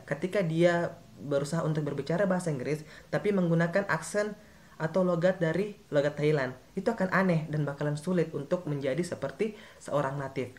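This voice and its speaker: A man's voice: a little high, darkish tone. A man talks viewers through study tips as an English tutor. His delivery is casual and chatty, and he often stops to correct himself mid-sentence. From Makassar, Indonesia. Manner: chatty, addresses viewers directly, frequent self-corrections. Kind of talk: casual teaching vlog.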